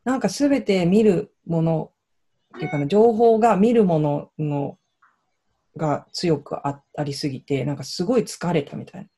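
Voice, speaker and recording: A woman in a casual podcast chat, speaking thoughtfully and softly, with frequent backchannels. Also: on the low side, moderate pace, slightly rough. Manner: thoughtful, soft-spoken, many backchannels.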